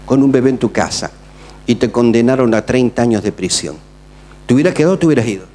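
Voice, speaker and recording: A man with an Argentine Spanish accent, a pastor preaching a sermon with dramatic swings between loud calls and quiet asides. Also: medium pitch, expressive, fast, in a large hall. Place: large church hall.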